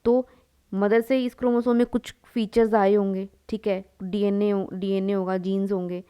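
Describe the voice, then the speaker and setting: Young female biology tutor with a warm, mellow voice, using a question-and-answer drill while drawing on the board. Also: medium pitch, flat delivery, moderate pace, clean tone. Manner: asks students questions and answers them herself; calls listeners "beta" and mixes English into the talk. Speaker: biology teacher. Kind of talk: classroom lecture while drawing.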